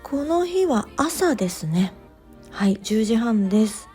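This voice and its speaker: A woman narrating her vlog in a relaxed voice-over, chatty and gently enthusiastic, with soft fillers. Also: a little high, slow, faint music behind. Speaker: bookstore owner vlogger.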